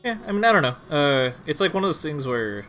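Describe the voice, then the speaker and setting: A man hosting a fighting game stream, chatting casually and teasing his co-host in a relaxed way. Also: on the high side, quick pace, faint music behind. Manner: relaxed, teasing, laughs easily.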